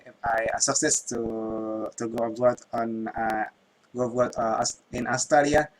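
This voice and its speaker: A man from Indonesia with an Indonesian accent, a student in an online English lesson on a video call, polite and eager, speaking in halting English. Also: medium pitch, level tone, low-quality recording.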